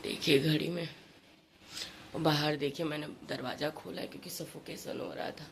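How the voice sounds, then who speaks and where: A woman with a cold vlogging at home early in the morning, speaking softly and slowly so as not to wake anyone. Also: low voice, steady tone, creaky. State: has a cold. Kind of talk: casual home vlog. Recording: noticeable background noise with vehicles.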